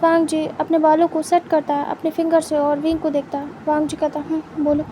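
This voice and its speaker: A woman reading fan fiction aloud as a storyteller, in an even, unhurried way. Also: high voice, background noise.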